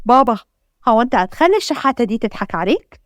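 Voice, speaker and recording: A cruel, contemptuous aunt who speaks quickly and with scorn, as an Egyptian woman reads her. The sound is dry and close. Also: fairly high pitch, big pitch swings, dry recording. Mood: scornful. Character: cruel, scornful wealthy middle-aged aunt.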